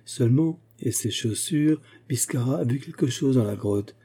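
A man's voice: medium pitch, moderate pace, slightly rough, pitched above the performer's own voice. A man voicing a group of brash young male officers who taunt and press their friend. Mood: eager. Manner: brash and excited. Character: hot-headed young male officers, mocking then furious.

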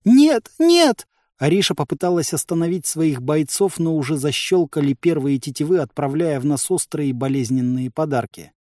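A man reading a first-person fantasy audiobook in a lively storytelling manner. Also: a little high, fairly quick, hardly any pauses, no room sound, studio quality. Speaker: audiobook reader.

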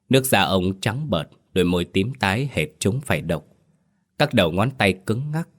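A man narrating a scripted horror story in a slow, ominous storytelling manner. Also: low voice.

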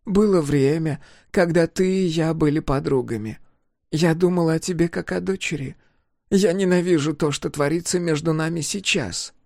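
A man voicing a proud older woman scientist who speaks haltingly. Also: low-pitched, gravelly, a little mellow, no room sound, clean studio sound, voice pushed up. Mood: defensive. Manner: halting, hesitant, apologetic.

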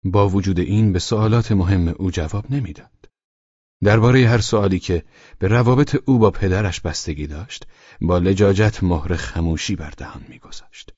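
A man narrating a novel as an audiobook in a measured, even manner, close to the mic. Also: low voice, slightly rough, no echo, lo-fi sound. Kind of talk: scripted literary narration.

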